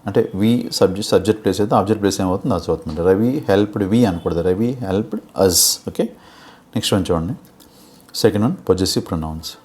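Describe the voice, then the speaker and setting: Very deep-voiced Telugu grammar teacher. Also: male voice, a little mellow. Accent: Telugu-accented English. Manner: patient, explanatory, checks in with "okay?" often. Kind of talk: exam-prep lecture in Telugu with English terms.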